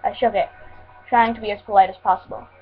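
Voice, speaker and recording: A woman reading fan fiction aloud in a plain, steady way, with small slips now and then. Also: mid-range voice, quick pace, soft background music. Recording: tinny phone-like sound.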